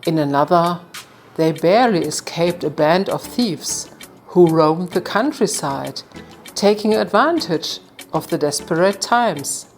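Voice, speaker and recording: A woman narrating a folktale in a calm, measured storytelling manner. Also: fairly low pitch, soft background music.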